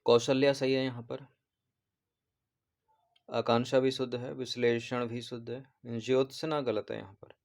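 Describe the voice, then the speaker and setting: Male tutor, steady monotone delivery, patient, repeats each word while walking through answers. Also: mid-range voice, unhurried, gravelly, pauses often. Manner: repeats words, corrects spellings patiently. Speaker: exam prep teacher. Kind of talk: explaining test answers.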